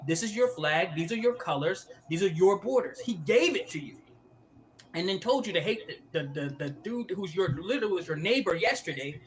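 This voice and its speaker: A man co-hosting a live podcast, ranting in an animated way with frequent laughter and many restarts. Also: high-pitched, brisk, slight background noise, poor audio. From United States. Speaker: podcast co-host.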